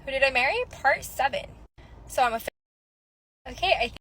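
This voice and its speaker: A woman's voice: high-pitched, animated, moderate pace, bright, forceful tone, a little hiss or hum, low-quality recording. A woman with a Utah American accent telling a personal story casually and chattily, peppering it with "like". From Utah, United States. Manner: chatty, many "like"s.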